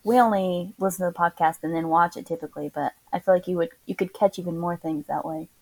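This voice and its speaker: A woman in relaxed podcast conversation, recorded inside a closet. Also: lowish voice, fast, gravelly, dry recording, rough recording. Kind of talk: casual podcast chat.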